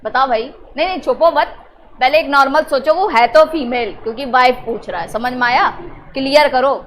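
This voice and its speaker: A woman teacher drilling a class on family words, teasing and prodding students to answer loudly. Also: sits high, moderate pace, a little hiss or hum. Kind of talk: classroom lesson.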